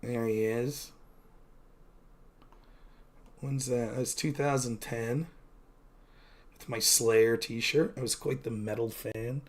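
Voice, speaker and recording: A man's voice: mid-range voice, steady tone, slow pace, long pauses. A man in his thirties, chatting candidly on his own stream, rambling with many fillers and poking fun at himself. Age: 30s. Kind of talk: casual solo stream chat.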